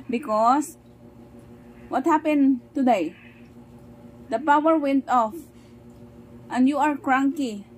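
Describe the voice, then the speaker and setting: A woman's voice: takes it slowly, pauses often, slight background noise. Chatty young mother, Visayan accent. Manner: chatty, slips into high sing-song baby talk with her children. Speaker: family vlogger and mother. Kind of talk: casual home vlog. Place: home kitchen.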